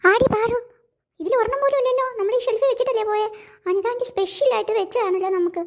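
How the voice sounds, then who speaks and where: A calm, coaxing older sister in a cartoon, a young girl with a very high voice, as a woman puts her on. She soothes her little sister. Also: fast talker. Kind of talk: cartoon voice acting.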